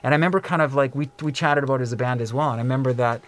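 A middle-aged man talks quickly and freely on a casual podcast. He fills his sentences with "like" and "um." He slips into quoted voices as he tells a story, at an average pitch for a man. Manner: frequent fillers like "like" and "um". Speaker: podcast host.

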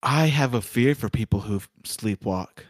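A man's voice: on the low side, measured pace, slight background noise. A young man chatting casually, reacting and joking. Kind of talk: casual chat.

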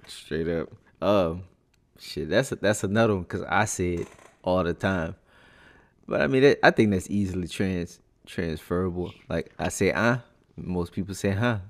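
Low-pitched Louisiana Creole man chatting. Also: normal speed. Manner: slangy, profane, laid-back phrasing. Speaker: co-host. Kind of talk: casual chat.

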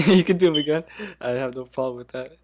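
A man's voice: on the high side, fast talker. A man hosting a casual podcast game, explaining with many ums and laughing often. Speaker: podcast host.

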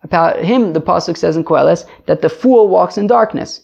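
A man teaching a daily Talmud lesson, explaining each line in an animated way with emphatic jumps in pitch. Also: brisk, gravelly, husky. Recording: dull lo-fi sound.

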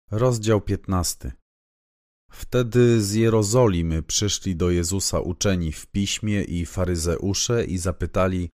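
A man reading scripture aloud in a measured, even, solemn way. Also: deep voice, dry recording, clean studio sound. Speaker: Bible reader.

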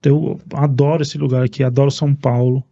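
A man from Paraguay, a Spanish speaker, chatting calmly and in a measured way as an interview guest. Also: medium pitch, vocal fry, muffled recording. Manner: calm, measured speech. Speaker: podcast guest, neurosurgeon. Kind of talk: casual interview talk.

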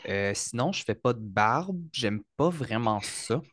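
A man in his thirties with a Quebec French accent, a hairstylist guest talking in a relaxed, hesitant way with fillers. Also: mid-range voice, measured pace, no echo, clean studio sound. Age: 30s. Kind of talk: casual interview.

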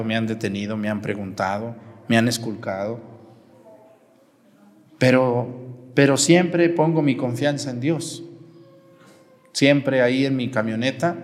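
A man's voice: medium pitch, big-room sound. A man with a Mexican Spanish accent, a parish priest giving a sermon and putting questions to the congregation in a conversational way. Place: church.

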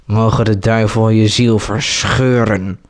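A man voicing a vengeful male soldier who speaks slowly and bitterly. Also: on the low side, steady tone.

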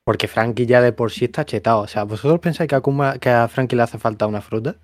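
A man's voice: mid-range voice, fast, dry recording, studio quality. A man co-hosting a podcast, chatting casually and leading with questions. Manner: lively, asks the questions. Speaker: podcast co-host. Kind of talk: casual chat.

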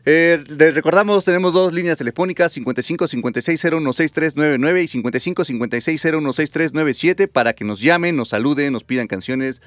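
A man's voice: fairly high pitch, fast, few pauses, no room sound, clean studio sound. A man with a Mexican accent hosting a live radio show in a casual, chatty style. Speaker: radio host.

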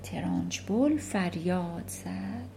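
A woman narrating a children's novel aloud with a lively, expressive reading. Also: medium pitch, gravelly, slight background noise. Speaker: audiobook narrator. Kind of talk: storybook narration.

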